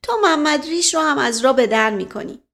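A woman's voice: sits high, expressive, creaky, fairly bright tone, pitched above the performer's own voice, full character voice. A woman voicing a flustered older aristocratic lady who pleads and fusses anxiously in an audiobook. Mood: begging. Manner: pleading, fussing. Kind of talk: audiobook character reading.

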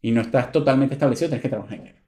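A man's voice: mid-range voice, racing, warm tone. Chatty Venezuelan man in echoey room. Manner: chatty, playful, lots of slang. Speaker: podcast host. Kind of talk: casual chat.

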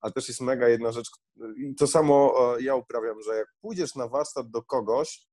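A man's voice: mid-range voice, moderate pace, mellow, no room sound. A man who runs workshops, talking in a casual podcast chat, hesitant and full of fillers and restarts. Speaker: podcast co-host, workshop leader.

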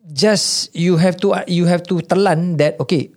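A man's voice: sits high, fairly even intonation, moderate pace. A Singaporean man hosting a casual interview in colloquial Singlish, switching between English and Malay and punctuating with okay and eh. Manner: colloquial, emphatic check-words like okay, eh and right. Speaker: podcast host.

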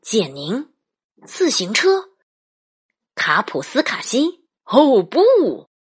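A woman's voice: fairly high pitch, huge pitch swings, drawn-out words, slightly rough, voice pushed up, full character voice. A woman playing an alarmed, scolding father in a children's story, with emphatic exclamations.

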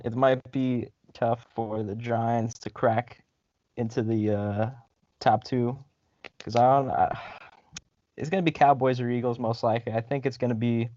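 A man co-hosting a sports podcast, chatting casually in halting, heavily profane bro slang. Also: medium pitch, darkish tone, lo-fi sound. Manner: slangy bro-talk, heavy swearing, halting.

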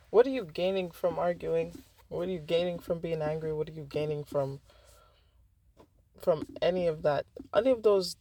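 A woman's voice: sits low, mellow. A woman vlogger candidly telling a personal story, frank and profane, with lots of fillers and restarts.

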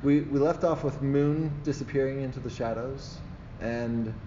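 A man narrating a tabletop game as game master, improvising in a halting way with pauses to think. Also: mid-range voice, fairly even intonation. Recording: echoey hall, muffled, loud background noise.

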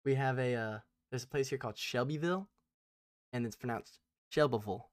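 A man from Tennessee chats about football on a podcast, relaxed and easily amused. His mid-range voice sits in a dry, close recording with no room sound. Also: mid-range voice, quick pace, smooth, no echo. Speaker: podcast co-host. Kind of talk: casual sports chat.

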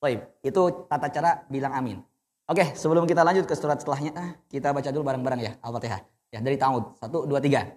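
A man's voice: mid-range voice, fast talker, a little mellow, in a large hall. A young man teaching adults to read the Quran, patiently correcting their recitation. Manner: patient, corrective, demonstrates then explains.

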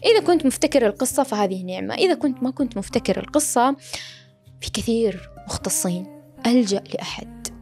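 A woman giving a motivational self-help talk, animated and fond of rhetorical questions she answers herself. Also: a little high, fast, soft background music.

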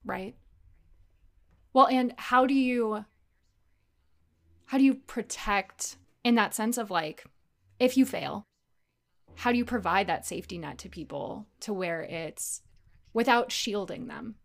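A woman's voice: mid-range voice, slow pace, gravelly, pauses often. A woman hosting a podcast interview, listening closely with short affirmations and follow-up questions. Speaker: podcast host.

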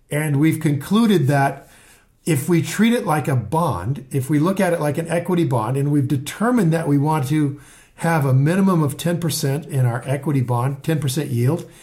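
An older man explains investing on a casual podcast, earnest and rambling, circling back on himself as he talks. His voice sits a bit high for a man. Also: a little mellow. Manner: earnest, rambling, self-correcting. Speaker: podcast co-host and investing teacher.

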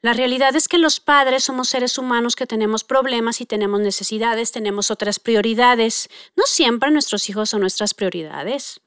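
High-pitched lady chatting about parenting, lots of fillers, dry sound. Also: moderate pace, few pauses, fairly bright tone, smooth, no room sound. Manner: frequent fillers, acts out quoted dialogue. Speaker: parenting speaker. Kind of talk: conversational talk on parenting.

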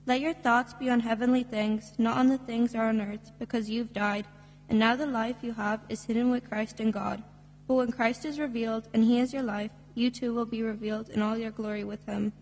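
A woman reading scripture at Mass in a steady, formal way, her voice carried by cathedral echo. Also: a little high, brisk. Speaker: lector. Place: large church. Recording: long church reverb with faint hum.

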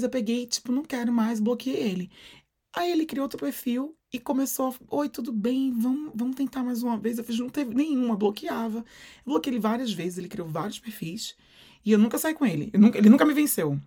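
A man with a Brazilian Portuguese accent co-hosting a podcast, telling stories in a lively way and acting out quotes. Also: extremely high pitch, brisk. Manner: animated storyteller, acts out quotes. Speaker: podcast co-host. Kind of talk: casual chat.

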